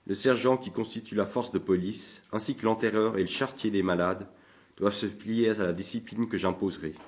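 A man voicing a calm, firm Jesuit priest who speaks with measured authority, in a storybook reading. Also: on the low side, close to an everyday voice. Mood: authoritative.

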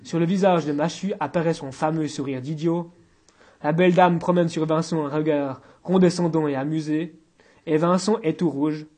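A man narrating an audiobook in a measured, literary reading. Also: on the high side, fairly even intonation, dark tone.

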